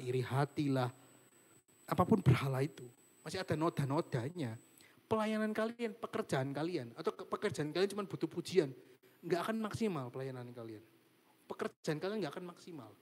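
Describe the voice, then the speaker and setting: A young man preaches informally to a youth group on a video call. His voice sits a little high for a man, and he talks in a chatty, loose way, full of fillers. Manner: chatty, fillers and english words. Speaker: youth devotional speaker. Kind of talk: casual sermon over video call.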